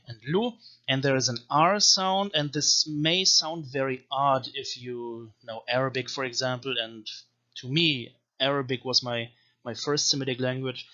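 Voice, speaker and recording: In this video lecture, a man who teaches languages explains how to read an ancient script, carefully sounding out syllable after syllable. He speaks in a mid-range voice that's pushed and bright, though the audio lacks high frequencies.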